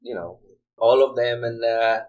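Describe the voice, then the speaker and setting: A man's voice: medium pitch, fairly even intonation, unhurried, a little mellow. Mexican man chatting in English. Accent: Mexican Spanish. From Guadalajara, Mexico. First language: Spanish. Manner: rambling, repeats words while searching. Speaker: guest DJ. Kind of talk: casual chat.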